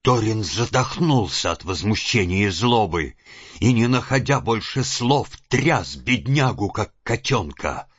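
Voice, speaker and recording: A man narrates an audiobook in a very low, husky voice. He tells the story in a steady, even manner. The recording is dull and lo-fi, with faint music underneath. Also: a little slow, dry recording. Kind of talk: scripted narration.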